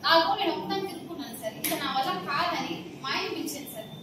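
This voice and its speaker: Woman pleading to the press, very high voice, rapid talk, heard from a distance, noisy echoey surroundings. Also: animated. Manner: indignant, pleading, keeps addressing "sir". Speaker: complainant speaking to the press. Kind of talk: emotional appeal to reporters.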